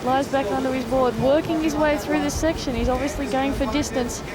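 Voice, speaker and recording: High-voiced female surf commentator, loud crowd. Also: fairly even intonation, fairly quick. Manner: descriptive, running wave-by-wave call. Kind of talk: play-by-play sports commentary. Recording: outdoor event with loud crowd noise.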